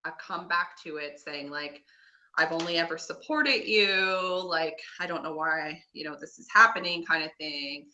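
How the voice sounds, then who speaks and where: A woman's voice: low-pitched, normal speed, pushed and bright, a little hiss or hum, low-quality recording. A woman with a Nova Scotian Canadian accent co-hosting a podcast, chatting casually in a rambling, gossipy recap. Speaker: podcast co-host.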